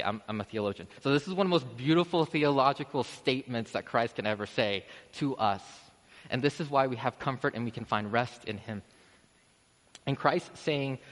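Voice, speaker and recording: The sermon comes from a man whose medium-pitched voice has a bit of brightness. He talks casually from the church podium microphone, cutting himself off and restarting, then rising to emphatic moments as the sanctuary's long reverb rings out.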